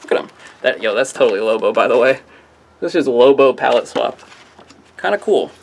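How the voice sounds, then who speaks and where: Rambling, jokey man with lively pitch. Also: a little fast, vocal fry. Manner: rambling, offhand, often trailing into "I don't know"; jokey, self-mocking asides. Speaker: comic shop staff presenting new releases. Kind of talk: casual product rundown to camera.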